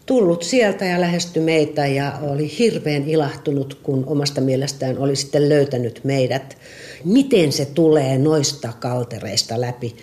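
A middle-aged woman chatting casually about her dog, lively and often stumbling over repeated words. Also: sits low. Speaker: dog owner interviewee. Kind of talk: casual personal storytelling.

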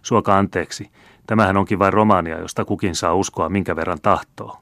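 A man putting on an inquisitive, strict old grandmother who presses with sharp questions. Her voice is lifted above a deep male reading voice, firm and a little louder. The recording is close and dry. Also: steady tone, dry recording. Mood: skeptical. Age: older. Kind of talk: audiobook character reading.

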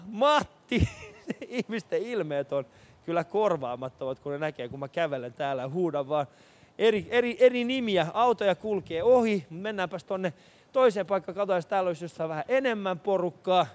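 High-voiced radio host out on the street. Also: male voice. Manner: energetic, laughing, calling out names to passers-by. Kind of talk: live charity radio broadcast, street stunt. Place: city street outdoors, passing traffic. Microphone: handheld mic.

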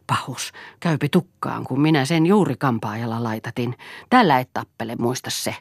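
Nainen lukee äänikirjaa ja esittää kiivasta, suorapuheista nuorta naista, entistä palvelustyttöä, joka tiuskii ja tinkii terävästi. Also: female voice, very deep voice, breathy edge, dry recording, studio quality, exaggerated voice. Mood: scolding. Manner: sharp, scolding and haggling. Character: fiery, blunt young woman, a former housemaid. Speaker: audiobook reader. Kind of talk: novel reading.

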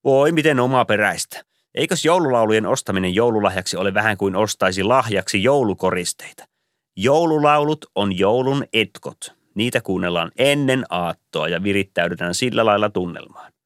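Brief: male reader as old Santa, pompous lecturer, never stops talking; raised pitch, dry booth. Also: fairly bright tone, dry recording, lightly acted. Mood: teasing. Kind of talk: audiobook character reading.

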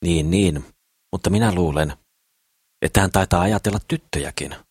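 A man's voice: deep voice, a little mellow, breathy edge, dry recording. A man voicing a suspicious, pious old woman who scolds and disapproves. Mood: grumbling.

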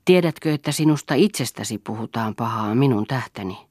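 A woman reading the part of a brooding, self-mocking older man in a low, quiet, reflective voice. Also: expressive, husky, no room sound, clean studio sound, exaggerated voice.

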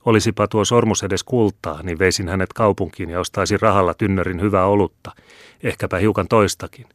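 A man's voice: low-pitched, steady tone, dry recording, studio quality. A man reading as a down-to-earth army captain. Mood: musing. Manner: musing, down-to-earth. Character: pragmatic male army captain.

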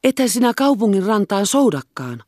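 A woman's voice: mid-range voice, very animated, a little mellow, no room sound, clean studio sound, pitched above the performer's own voice. A woman reading aloud the lines of a dreamy, hot-tempered schoolboy who makes eager suggestions.

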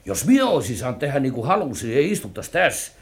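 An actor playing a brash, hot-headed adventurer who speaks Viipuri Karelian dialect, in a 1950s radio drama. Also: male voice, medium pitch, big pitch swings, breathy edge. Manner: brash, blunt, impatient. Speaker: adventurer hero in a radio serial. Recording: hissy old radio broadcast.

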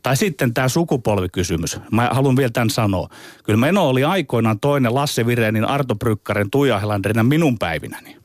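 A man declaiming a prepared sports argument in an ornate, sardonic, theatrical way. His voice sits in an ordinary middle pitch. The studio sound is close and dry, with no room echo. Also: animated. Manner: theatrical, mock-archaic rhetoric, sardonic. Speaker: sports debate co-host. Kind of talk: scripted polemical argument.

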